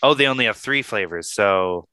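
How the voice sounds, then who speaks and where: Male co-host, bright crisp-edged tone, dry close sound, easy conversational delivery among friends. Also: lowish voice, lively intonation, normal speed, no room sound. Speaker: co-host steering a tasting show. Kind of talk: casual chat among friends.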